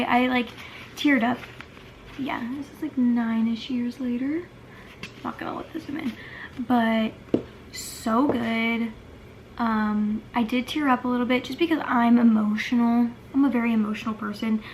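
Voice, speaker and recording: A woman's voice: a little high, fairly even intonation, measured pace, a little hiss or hum. Gushing young woman book vlogger. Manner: gushing, emotional, full of "like" fillers. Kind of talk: casual chat.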